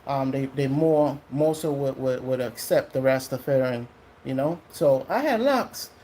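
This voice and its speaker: A man tells a personal story straight to the camera in a loose, animated way. His voice jumps up high when he acts out other people, and he swears without holding back. A faint hiss of noise sits behind him. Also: a little slow. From Trinidadian family in the US. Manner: animated, profane, often acts out what people said. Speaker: vlogger telling a personal story. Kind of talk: casual storytelling monologue.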